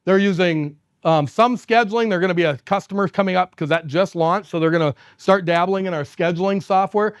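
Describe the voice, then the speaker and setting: Keynote speaker: man, high voice, animated storyteller, dry close sound. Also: a little fast, hardly any pauses, smooth, no room sound. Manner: animated, laughs often, acts out quoted people. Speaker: company executive giving a keynote. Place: conference stage.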